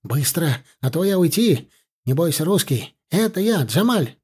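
A man voicing a jittery male village interpreter who speaks in broken, hurried phrases, pitched well above his own voice. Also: sing-song, a little mellow, husky, full character voice. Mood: urgent whisper. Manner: broken grammar, urgent hissing.

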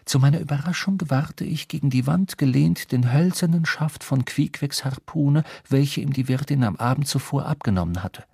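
Young sailor telling his story, husky voice, dry close recording, radio play. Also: mid-range voice, a little mellow, no echo. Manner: measured storytelling. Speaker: narrator. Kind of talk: scripted radio drama narration.

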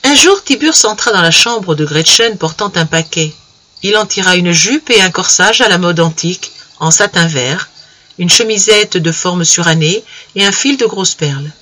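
A man narrating a classic literary story in a measured, expressive reading style. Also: high voice. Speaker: audiobook reader.

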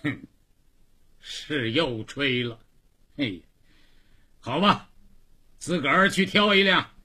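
A man voicing a bossy old male rickshaw-yard owner with a Beijing accent, gruff and commanding in a radio storytelling. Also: a little high, animated, slow, pushed and bright, pitched above the performer's own voice, full character voice.

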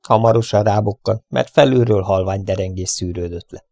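Gravelly low-voiced man narrating. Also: dark tone, no echo, studio quality. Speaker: audiobook narrator. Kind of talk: scripted adventure narration.

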